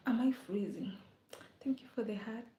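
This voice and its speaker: A woman's voice: a little high, normal speed, mellow, slight background noise. A young woman from Kenya chatting casually on a live stream, often slipping into a whisper. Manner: chatty, often drops to a whisper, hums song lines. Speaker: livestreamer. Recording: echoey room.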